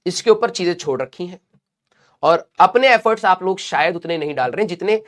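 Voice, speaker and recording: A male teacher speaks with a Hindi accent in a fairly high voice. He is unwell and talks slowly, but still lectures and scolds his students, calling them "beta.". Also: expressive, a bit bright. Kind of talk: lecturing students in a live class.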